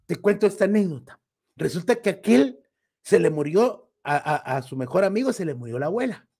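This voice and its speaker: A man with a Guatemalan Spanish accent, co-hosting a casual talk show and telling spooky anecdotes in an animated way, acting out the voices. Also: high voice, fairly quick, breathy edge. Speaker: co-host. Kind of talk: casual storytelling chat.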